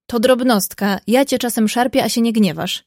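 A woman reading the part of a bold, warm-hearted young woman who speaks earnestly and coaxingly. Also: on the high side, moderate pace, no room sound, clean studio sound, lightly acted.

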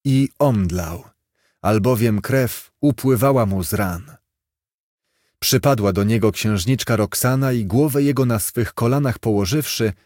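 A man's voice: lowish voice, darkish tone, dry recording, clean studio sound. A man narrating an archaic fairy tale aloud in a solemn storybook manner. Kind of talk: storybook reading.

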